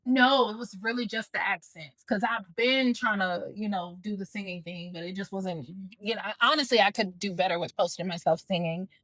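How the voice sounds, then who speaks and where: A woman's voice: mid-range voice, normal speed, hardly any pauses, fairly bright tone, dry recording. A young adult woman, a comedian guest in a casual interview, upbeat but nervous and loose, with a rambling way of talking.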